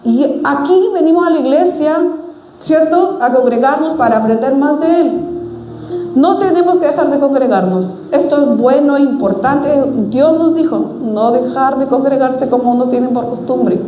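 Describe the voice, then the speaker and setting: High-voiced woman preaching in an echoey hall. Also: normal speed, warm tone, highs cut off, a little hiss or hum. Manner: earnest, exhorting, with frequent hesitations. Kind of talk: sermon. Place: church hall.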